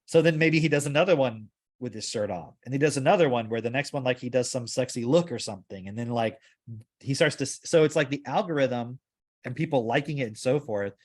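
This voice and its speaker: This casual podcast discussion features a male host with a mid-range voice and a brisk delivery. He wanders as he works through his points, leaning constantly on "like."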